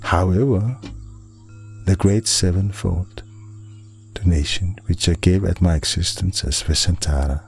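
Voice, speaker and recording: A monk voicing a calm, steadfast young prince who answers a demon with measured words. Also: male voice, low-pitched, vocal fry, slightly rough, faint music behind, heavily acted.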